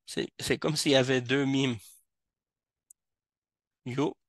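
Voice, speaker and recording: Slow, patient man teaching reading. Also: medium pitch, steady tone, a bit bright, no echo, studio quality. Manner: slow, repeats words and verses to drill pronunciation. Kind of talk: patient classroom lesson. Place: mosque classroom.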